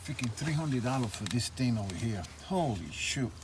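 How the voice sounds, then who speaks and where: Over background noise, a man with an expressive mid-range voice mutters to himself at normal speed while fixing a truck. He's a tradesman filming a casual DIY repair vlog beside the vehicle, talking informally as he works.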